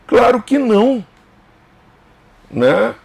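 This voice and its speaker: A man's voice: extremely high pitch, very animated, drawn-out words, vocal fry, a little mellow. A man in his fifties, a governor being interviewed on a casual podcast, who speaks emphatically in short clauses and repeats phrases. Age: 50s.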